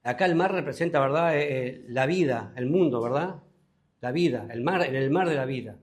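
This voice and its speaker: A man with a Rioplatense Spanish accent, a pastor preaching a sermon, often rising in pitch and volume and asking the congregation questions. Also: normal speed. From Uruguay.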